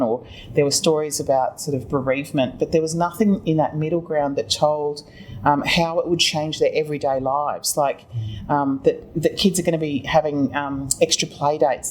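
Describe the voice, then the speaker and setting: A middle-aged woman from Tasmania with an Australian accent, telling her personal account in an interview, explaining in halting, self-correcting phrases. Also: low-pitched, a little hiss or hum, rough recording. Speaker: interview guest, children's book author.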